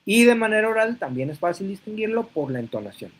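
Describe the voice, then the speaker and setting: A man teaching an online class, explaining step by step, often checking that students follow and pausing on hesitant fillers. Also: sits high, very animated, rough recording. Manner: hesitant fillers between phrases.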